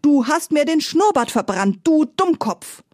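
Woman playing a cranky little storybook critter guy, yelling high and sharp. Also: big pitch swings, unhurried, no echo, studio quality. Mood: angry scolding. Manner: shouting, scolding. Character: gruff little male boar spirit, short-tempered.

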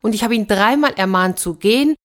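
A woman's voice: medium pitch, fairly quick, a bit bright, voice pushed up, lightly acted. A woman voicing a simple-minded, fearless young village lad in a children's fairy-tale reading. He sounds earnest and unbothered.

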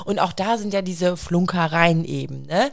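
A woman's voice: lowish voice, moderate pace, gravelly. A woman in her thirties, a mother of young children, chatting casually and animatedly quoting her son. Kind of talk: casual podcast conversation.

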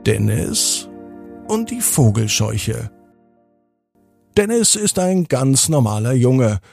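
A man narrating a bedtime story for children in a gentle, unhurried storyteller manner. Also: medium pitch, very animated, gravelly, soft background music.

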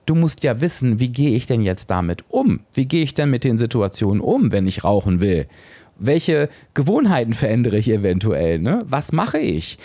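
A man's voice: mid-range voice, very animated, normal speed, warm tone, no echo. A man hosting a solo podcast as a coach, speaking straight to the listener and often adding tag questions.

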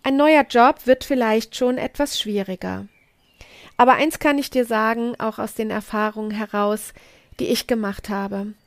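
Middle-aged woman doing a motivational podcast, bit high voice, slow and emphatic, dry close sound. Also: no echo. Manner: slow, emphatic, repeats key phrases. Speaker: podcast host and coach.

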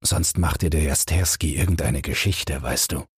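Man reading caring schoolboy cadet, soft urging, deep husky tone. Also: steady tone, normal speed, no echo, clean studio sound, heavily acted.

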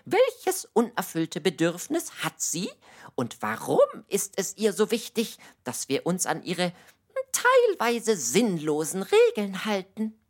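A woman's voice: mid-range voice, huge pitch swings, slow pace, exaggerated voice. A woman voicing a thoughtful young friend who talks in a reflective, coaxing way.

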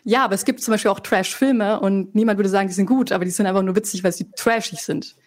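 Eine Frau, die als Diskussionsteilnehmerin ruhig und sachlich gegenhält. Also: female voice, medium pitch, fairly even intonation, fast talker. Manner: argumentative, reasoning. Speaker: panelist. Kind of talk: casual debate on a game show panel.

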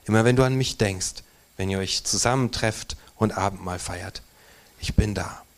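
A man preaching a sermon in a church, moving between strong emphatic stresses and quiet, near-whispered lines. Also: on the low side, moderate pace. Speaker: pastor.

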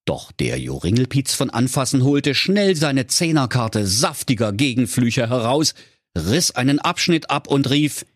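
A man narrating a comic fairy tale for children in a playful, lively storytelling manner. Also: medium pitch, unhurried, no echo, studio quality.

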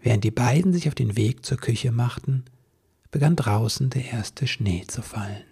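A man narrating a children's Christmas story as a podcast host, in a calm, expressive reading. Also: medium pitch, normal speed, gravelly, slightly rough.

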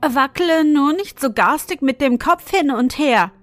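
A woman's voice: fairly high pitch, a little slow, a bit bright, faint music behind. A woman voicing a bold little market boy who scolds an old woman in a storybook reading. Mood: cheeky. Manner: scolding, cheeky.

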